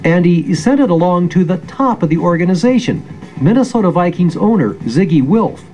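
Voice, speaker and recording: A man's voice: sits high, expressive, normal speed, mellow, faint music behind. A man with an American accent narrating a scripted news feature as a public radio reporter, in a storytelling manner.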